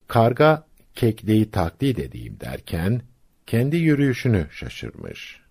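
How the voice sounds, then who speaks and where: A man narrating folk sayings and their stories for radio listeners, in a measured, didactic storytelling manner. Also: fairly low pitch, wildly swooping pitch, vocal fry, music in the background.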